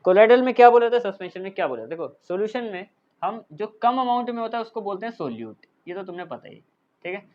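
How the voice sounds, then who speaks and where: A male teacher explaining a science lesson, often checking in with "thik hai" and slowly dictating definitions as he writes them. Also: sits high, very animated, highs cut off. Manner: dictates English definitions slowly while writing. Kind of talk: classroom lecture.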